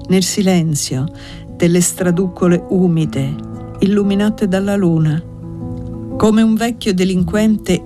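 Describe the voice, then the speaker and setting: A woman reading a novel aloud as the narrator, in a measured, unhurried, dramatic way. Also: fairly low pitch, warm tone.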